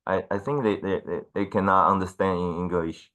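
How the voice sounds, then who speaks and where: A man, a Mandarin speaker, presenting informally and haltingly on an online call. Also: low-pitched, steady tone, fairly bright tone. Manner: hesitant, halting English. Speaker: guest team leader speaker.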